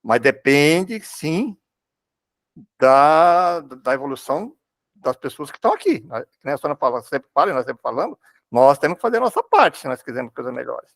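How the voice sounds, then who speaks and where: A Brazilian man talks through ideas in a religious study group. His voice is gravelly and sits a little high. He halts and repeats words while he searches for the next thought, recorded close in a dry room. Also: big pitch swings, normal speed, fairly bright tone, no room sound. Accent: Brazilian Portuguese.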